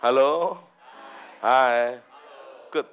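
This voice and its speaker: A man preaching a sermon as pastor, swinging dramatically between loud outbursts and hushed lines. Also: mid-range voice, extremely slow, smooth, soft background music. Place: church hall.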